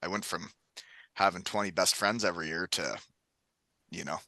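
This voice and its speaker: A man's voice: low-pitched, fairly even intonation, normal speed, sharp tone, no echo, clean studio sound. A middle-aged man with a Canadian accent chatting casually and telling stories in laid-back, slangy hockey bro talk. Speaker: podcast host; hockey coach. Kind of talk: casual chat, storytelling.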